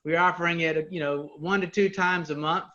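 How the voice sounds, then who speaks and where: A man's voice: on the high side, steady tone, moderate pace, sharp tone, lo-fi sound. A man co-presenting a live online training session, casual and self-deprecating, inviting the audience to join in.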